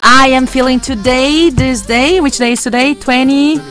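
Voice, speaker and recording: A woman's voice: high voice, steady tone, moderate pace, a bit bright, faint music behind. A woman from Brazil with a Brazilian Portuguese accent, a guest in a live studio interview who speaks chatty, hopeful English with restarts.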